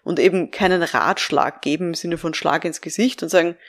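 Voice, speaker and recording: Middle-aged woman, calm advisory tone, fairly low voice, step-by-step explaining. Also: a little fast. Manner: calm, advisory, acts out example phrases. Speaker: prevention trainer. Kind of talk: instructive podcast talk.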